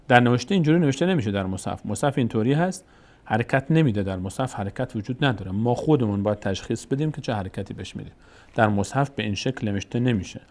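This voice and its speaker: A man teaching Quran reading step by step, patiently repeating each rule and slowly sounding out example words. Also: mid-range voice, a little mellow. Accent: Persian-speaking, Tajikistan channel. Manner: patient, repeats rules, addresses viewers as dear ones. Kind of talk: step-by-step recitation lesson.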